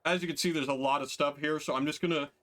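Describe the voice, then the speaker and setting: A man's voice: fairly high pitch, steady tone, fast talker, fairly bright tone. A man narrating a tabletop game as game master in a casual style, with fillers and laughs.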